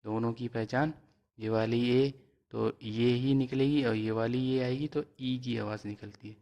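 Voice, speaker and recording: A man teaching a reading lesson, spelling out letters and vowel marks slowly and then blending them into words. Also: medium pitch, steady tone, warm tone.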